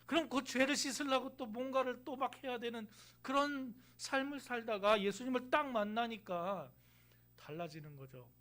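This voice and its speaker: A man's voice: very high voice, moderate pace, fairly bright tone. A male pastor delivering a conversational sermon, asking the congregation rhetorical questions and acting out quoted lines. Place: church sanctuary.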